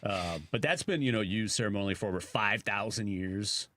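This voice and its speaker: Low-voiced man with a Chicago accent. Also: a little fast, sharp tone, dry recording. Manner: rambling, full of "you know" fillers. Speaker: radio show co-host. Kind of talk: casual chat.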